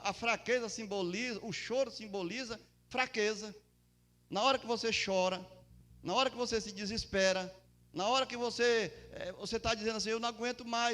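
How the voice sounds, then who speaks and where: A man preaching a Sunday sermon in church as pastor, with emphatic rises and drawn-out words. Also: high voice, a bit bright. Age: adult. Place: church during a Sunday service.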